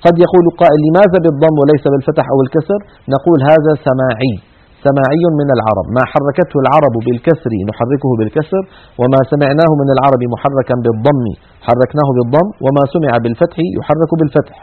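A man teaching a lesson on Quranic Arabic grammar, reading out examples with emphasis and repeating key points. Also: mid-range voice. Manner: explains slowly, reads examples aloud with emphasis, repeats points. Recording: tinny phone-like broadcast sound.

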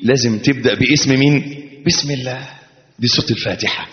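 A man's voice: medium pitch, fast talker. A man preaching a sermon with an Egyptian accent, impassioned and chanting verses. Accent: Egyptian Arabic. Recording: echoey hall, dull lo-fi sound.

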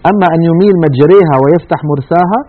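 Fast-talking man teaching Quran recitation, phone-thin sound. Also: fairly high pitch. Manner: demonstrates vowel sounds aloud, drawn-out recitation. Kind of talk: explanatory religious lesson. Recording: narrow phone-like audio.

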